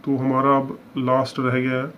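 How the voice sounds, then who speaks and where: Man teaching a slow, patient lesson. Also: medium pitch, monotone. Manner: explains patiently, often checks understanding. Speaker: shorthand teacher. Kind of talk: step-by-step lesson. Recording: dull lo-fi with faint hiss.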